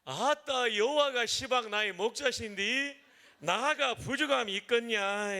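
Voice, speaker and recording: A man recites a psalm in a put-on broad Jeolla dialect as a folksy villager, exclaiming in a drawn-out, emphatic way. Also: extremely high pitch, sharp tone, pitched above the performer's own voice, heavily acted.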